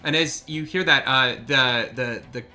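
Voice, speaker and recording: A game master narrating a live tabletop game in a halting, descriptive way. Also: mid-range voice, sharp tone. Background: faint background music.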